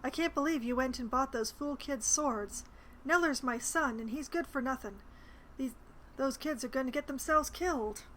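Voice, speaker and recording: A plain-spoken village innkeeper from a fantasy game, read by a woman. The voice is high and folksy, with old-fashioned respectful phrasing. There is faint noise in the recording. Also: normal speed, a bit bright, low-quality recording. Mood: grumbling. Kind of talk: reading video game dialogue aloud.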